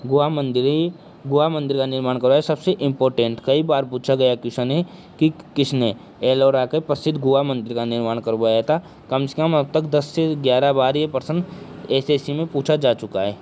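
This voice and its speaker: A male teacher giving an exam-prep history lecture, with a sore throat and speaking softly, who keeps asking questions and answering them himself. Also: medium pitch, a little hiss or hum.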